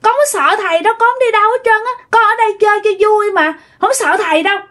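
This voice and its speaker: Woman putting on a small boy ghost, high squeaky voice, whiny singsong. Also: fast, a bit bright. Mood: stubborn. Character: ghost of a five-year-old boy, playful, stubborn.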